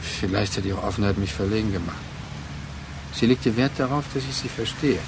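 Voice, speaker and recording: In a literary radio drama, an actor with a fairly low voice plays a brooding man speaking to a former lover he remembers, his phrases halting and reflective. Noise is clearly audible behind him.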